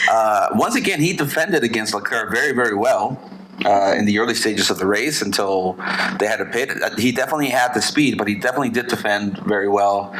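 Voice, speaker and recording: A man's voice: lowish voice, fairly bright tone, slight background noise, low-quality recording. A man co-hosting a casual podcast, talking in a loose, rambling way with plenty of fillers. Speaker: podcast co-host. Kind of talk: casual chat.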